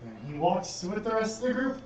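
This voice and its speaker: A man's voice: high voice, very animated, a little fast, reverberant, far from the mic, slight background noise. A man running a tabletop game as game master, laughing often with his players.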